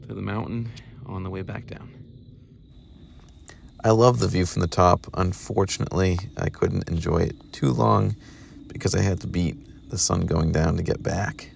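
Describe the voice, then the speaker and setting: A man's voice: deep voice, steady tone, gravelly, a little hiss or hum. A man narrating casually while hiking a wooded mountain trail, a little out of breath, talking into a handheld phone. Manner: chatty, unhurried, with fillers. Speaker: hiker filming his walk.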